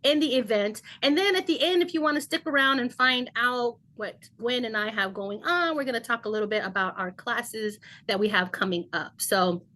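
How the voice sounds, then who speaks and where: Woman, host, fairly high voice, earnest, lots of ums, video call. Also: moderate pace, hardly any pauses. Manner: warm-paced, filler-heavy, earnest. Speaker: host, shamanic healer. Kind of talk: casual online event hosting.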